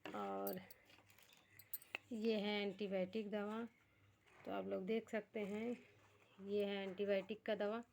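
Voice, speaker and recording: A woman with a Bhojpuri-tinged Hindi accent talks casually into a phone camera at home, keeping to a flat, even pitch. A faint hum of noise sits behind her voice. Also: slow pace, gravelly, pauses often. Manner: chatty, addresses viewers as friends. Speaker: family vlogger. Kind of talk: casual home vlog to viewers. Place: home at night.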